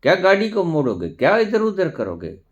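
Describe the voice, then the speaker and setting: An Indian spiritual teacher preaches emphatically, using rhetorical questions and slipping in English phrases. His voice sits high with huge pitch swings at a normal speed, and the audio is dull.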